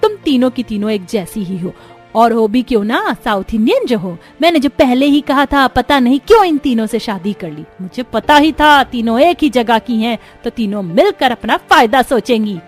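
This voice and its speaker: Cartoon mother-in-law, older, hot-tempered and shrill, voiced by a woman. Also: lively intonation, normal speed, faint music behind. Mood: angry.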